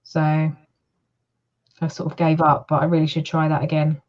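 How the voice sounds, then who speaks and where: A woman from Suffolk, England, a reseller appearing as a guest, chats casually in an interview with a southern English accent, hesitant and full of fillers. Her voice sits low, a bit mellow, completely flat and unhurried, heard through muffled lo-fi call audio.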